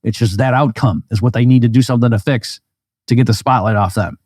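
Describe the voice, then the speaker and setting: A man of ordinary mid-range pitch talks through his argument as a podcast host, in a relaxed, conversational style. His phrasing is loose and sprinkled with casual fillers. The sound is dry and close, with no room around it. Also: quick pace, no room sound. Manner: conversational, acts out hypothetical back-and-forth arguments; loose phrasing with frequent "like" and "you know". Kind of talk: explanatory monologue.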